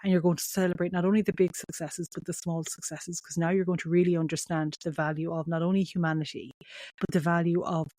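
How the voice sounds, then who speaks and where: Fast-talking woman with a west of Ireland accent. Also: on the low side, little pitch movement, warm tone, dry recording, studio quality. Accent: Irish, County Mayo in the west of Ireland. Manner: reassuring, addresses listener directly, asks and answers own questions. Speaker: podcast host. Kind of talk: heartfelt solo podcast talk to parents.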